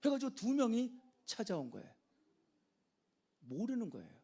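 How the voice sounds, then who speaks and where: Male pastor, high animated voice, emphatic lecture with questions to the room. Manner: emphatic, quizzes the audience with questions. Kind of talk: church training lecture.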